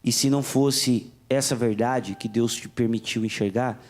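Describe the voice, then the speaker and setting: A man's voice: medium pitch, fairly even intonation, moderate pace, darkish tone. A man hosting a religious talk show, speaking in an affirming, preacherly way. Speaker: host.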